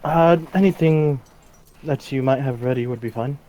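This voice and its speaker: A man speaking as a player in a tabletop game, with measured, slightly formal phrasing. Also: mid-range voice, dark tone. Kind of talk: in-character game talk.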